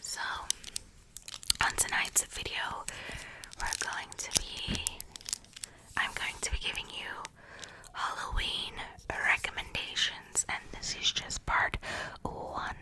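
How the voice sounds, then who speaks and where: Slow soft-whispering woman. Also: poor audio. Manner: rambling, self-correcting, chatty. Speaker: ASMR creator. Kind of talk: whispered ASMR movie recommendations. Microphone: close ASMR microphone.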